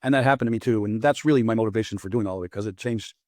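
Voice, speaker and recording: An older American man, a guest author, answering interview questions in an earnest, reflective and halting way. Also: lowish voice, darkish tone, no room sound, studio quality. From United States.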